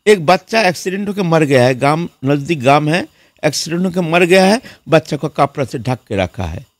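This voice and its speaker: Male monk, sermon storyteller, lively rising and falling delivery, dry close sound. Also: fairly high pitch, moderate pace, dry recording. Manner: lively storyteller who acts out the people in his story; repeats words and fills with "haan". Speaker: monk preacher.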